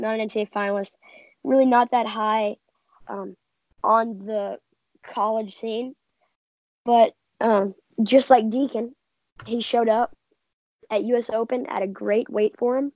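Co-host: woman with a gravelly, fry-laced voice, dry close sound, sure of her takes. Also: a little high, darkish tone, dry recording, poor audio. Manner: confident, opinionated predictions. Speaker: podcast co-host. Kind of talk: casual sports chat.

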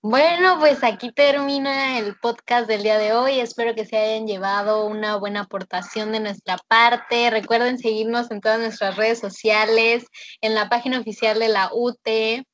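A woman hosting a casual educational podcast in a relaxed, conversational way. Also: fairly high pitch, no room sound. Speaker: podcast host.

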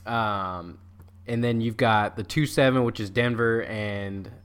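A man co-hosting a casual sports chat, speaking informally and haltingly, repeating words as he works out his point. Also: on the low side, fairly even intonation, a bit bright, clean tone. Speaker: sports podcast co-host.

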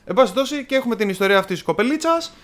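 A man's voice: very high-pitched, animated, fairly bright tone. A man in casual chat, telling a film's story in a rambling, jokey way with many fillers.

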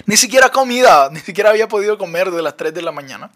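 A young man with a Colombian accent, animated and often laughing as he tells his own story for his podcast. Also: sits high, fast. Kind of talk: personal testimony storytelling.

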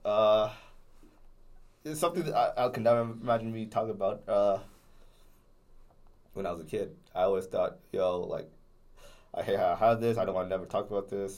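A man's voice: on the low side, steady tone, moderate pace, long pauses, a little mellow. A young man with a slight lisp, chatting casually as a podcast co-host, rambling with many restarts and fillers. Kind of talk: casual chat.

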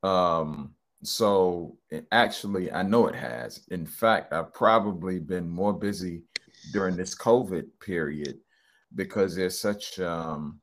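Deep-voiced man telling his story. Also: slow. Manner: relaxed, rambling with many ums and restarts. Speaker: hypnotherapist guest. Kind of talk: casual interview answers.

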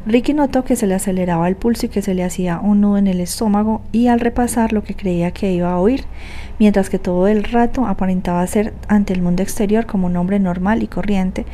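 A woman narrating an audiobook in a steady, measured way. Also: medium pitch, slight background noise. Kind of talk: scripted narration.

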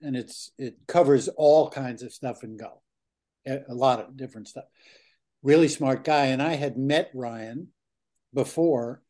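An older man co-hosting a podcast, his voice at a middling pitch. He talks in an earnest, reflective way, pausing on fillers as he works through his thoughts. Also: dark tone. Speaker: podcast co-host. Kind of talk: casual chat.

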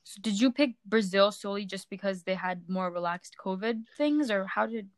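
A woman's voice: mid-range voice, moderate pace, poor audio. A woman hosting a casual podcast interview, asking friendly, chatty questions. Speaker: podcast host.

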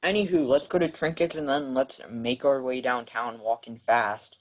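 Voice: mid-range voice, steady tone, moderate pace, low-quality recording. A player in a tabletop role-playing game chatting casually in a joking, wisecracking way. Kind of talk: casual chat.

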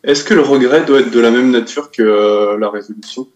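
A man's voice: medium pitch, brisk, a little mellow, roomy sound, dull audio. A man taking part in a course, tentatively asking the teacher a question from off-mic.

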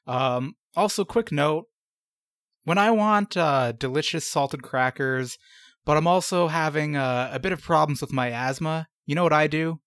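A man with a slightly higher voice co-hosts a casual podcast. He reads out old news items and cracks puns and swear-laced asides. The sound is dry and close. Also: a little slow, fairly bright tone, no echo. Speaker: podcast co-host.

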